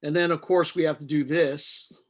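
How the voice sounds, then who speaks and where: A middle-aged man with a fairly high voice teaches chemistry in a live online lecture, his intonation fairly even and his speed normal. As the instructor, he explains things step by step, slipping in patient jokes.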